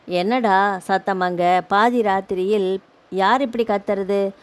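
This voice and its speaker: A woman's voice: mid-range voice, steady tone, slow pace, clear, resonant tone, natural voice. Woman voicing a harsh nagging mother-in-law. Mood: scolding. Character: domineering scolding older mother-in-law.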